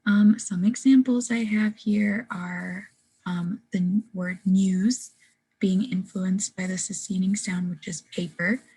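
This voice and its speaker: A woman's voice: medium pitch, fairly even intonation, slow pace, mellow, rough recording. A young woman giving a class presentation on phonetics, earnest and full of "um" fillers. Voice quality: very husky. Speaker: student presenter.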